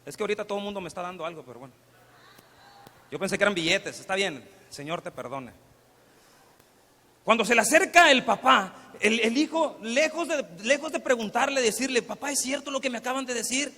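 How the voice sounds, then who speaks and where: A male pastor preaches in a conversational, storytelling way. His voice is strikingly high, bright and gravelly, with a husky grain. It rings with the long reverb of a church hall. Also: animated, fairly quick. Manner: conversational storytelling with rhetorical questions. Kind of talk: sermon. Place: church sanctuary.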